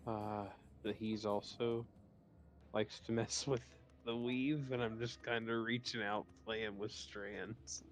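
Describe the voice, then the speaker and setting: A male player in a tabletop game who speaks in a casual, somewhat hesitant way. His voice sits a little low, and his remarks come across as relaxed and offhand. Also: slow pace.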